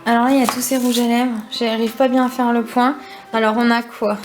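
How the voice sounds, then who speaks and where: A young woman with a regional French accent, vlogging casually into a handheld camera, chatty and quick to laugh. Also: on the high side, flat delivery, music in the background. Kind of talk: casual vlog chat.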